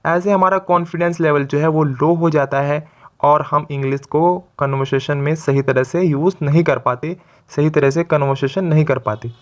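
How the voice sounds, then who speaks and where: A man's voice: fairly high pitch, steady tone, normal speed. A man teaching spoken English in a motivational video lesson, coaching listeners step by step and calling them friends. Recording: dull lo-fi sound.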